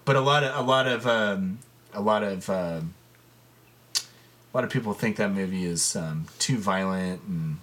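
Laid-back low-voiced man. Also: a little slow, a bit bright. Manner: laid-back, easy laughter, says "man" and "dude". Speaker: podcast co-host. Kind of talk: casual chat.

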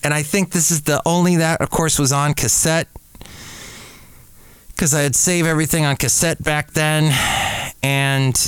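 A middle-aged man hosting a podcast, casually reminiscing about his old radio days in an unhurried storytelling way. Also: on the high side, fairly even intonation, a bit bright, clear, resonant tone, no echo. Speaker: podcast host. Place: café.

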